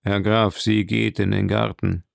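A man's voice: fairly low pitch, level tone, a little slow, gravelly, dry recording, clean studio sound. A man voicing a terrified, superstitious male steward who stammers and pleads. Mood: uneasy.

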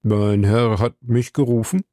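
A man's voice: mid-range voice, steady tone, measured pace, warm tone, dry recording, studio quality, close to an everyday voice. A man voicing a loyal, devoted male servant, exhausted and speaking with strained, breathless pleading.

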